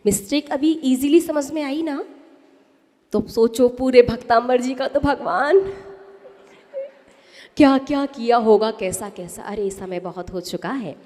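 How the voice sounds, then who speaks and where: A woman's voice: on the high side, measured pace, pauses often, mellow, big-room sound. A woman teaching how to pronounce sacred verses, explaining step by step and putting questions to her listeners. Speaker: religious teacher. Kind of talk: explanatory lesson on recitation.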